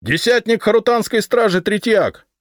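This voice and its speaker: A man doing a stubborn shouting guard sergeant. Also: high-pitched, animated, normal speed, no room sound, studio quality, voice pushed up.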